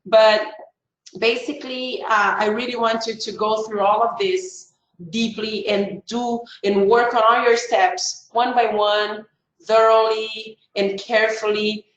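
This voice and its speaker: A middle-aged woman with a Brazilian Portuguese accent talks to students in a friendly, rambling way, full of fillers and restarts. Her voice sits a little high. It comes through a video call from an echoey room. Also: level tone, takes it slowly, fairly bright tone, highs cut off. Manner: chatty, many fillers and restarts. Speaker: education advisor. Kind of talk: online webinar talk.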